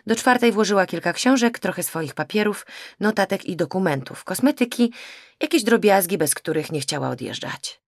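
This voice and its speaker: A woman narrating a novel in a steady, even storytelling manner. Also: mid-range voice, moderate pace, no echo, clean studio sound. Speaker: audiobook narrator. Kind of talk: scripted narration.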